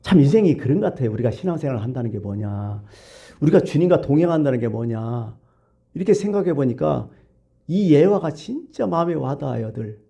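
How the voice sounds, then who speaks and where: A man's voice: mid-range voice, expressive, a little fast, vocal fry, warm tone. A male pastor preaching a sermon, telling a parable and asking rhetorical questions.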